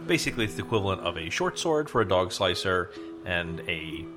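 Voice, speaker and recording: A man's voice: sits low, very animated, a little fast, music in the background. A man at a tabletop game casually explaining game rules. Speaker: player.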